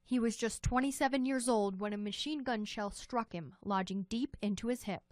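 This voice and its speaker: A woman's voice: a little high, normal speed, darkish tone. An American woman reading a scripted news story as a television reporter.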